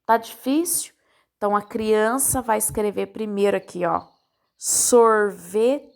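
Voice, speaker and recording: In a recorded lesson for parents, a Brazilian-accented woman teacher goes through a worksheet step by step with patience, frequently checking in. She speaks at a normal speed in a medium-pitched, creaky, slightly mellow voice.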